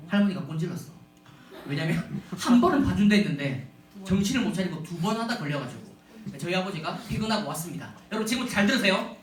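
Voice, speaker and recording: Recorded at a distance in a large hall with lots of echo, a high-pitched man delivers a comic storytelling sermon to young retreat-goers. He's animated throughout and regularly addresses the audience directly.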